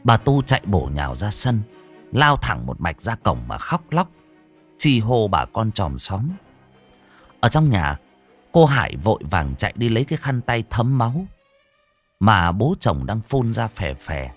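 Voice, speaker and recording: A man narrating a ghost story in a dramatic, expressive storytelling manner. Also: on the low side, unhurried, faint music behind.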